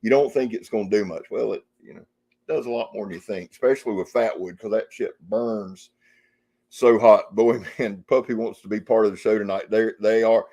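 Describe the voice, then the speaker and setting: On his outdoor channel's live stream, a man from around Jacksonville, Florida rambles folksily, reading out viewer comments and welcoming people by name. His voice is on the low side and mellow, at normal speed.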